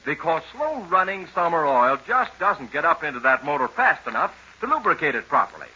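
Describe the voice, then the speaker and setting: In the style of a 1940s radio announcer, an American man narrates and sells to young listeners with dramatic emphasis. His very bright, high voice swings animatedly in a sing-song way at a fairly quick pace. It sounds like a dull old radio recording with faint noise.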